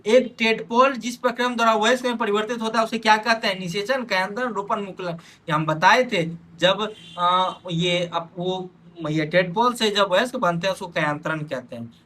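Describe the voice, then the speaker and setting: A man teaches an exam-prep lesson, addressing his students directly, pointing at notes, and often checking in with "theek hai." His voice sits high, pushed and bright, at a moderate pace with few pauses.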